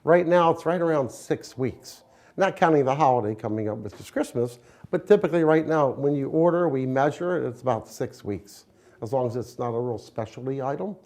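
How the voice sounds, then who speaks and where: The interviewee is an American man who owns a window company, answering conversationally in a promotional interview. His mid-range, darkish voice is expressive and a little fast. He speaks plainly and folksily, explaining as he goes.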